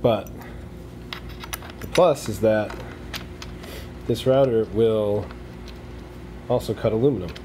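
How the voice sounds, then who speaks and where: A man's voice: on the low side, slow, pauses often, mellow. A man hosting a DIY video, casually explaining as he works with tools in his garage workshop, talking half to himself. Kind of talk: casual workshop how-to narration. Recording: noisy workshop recording.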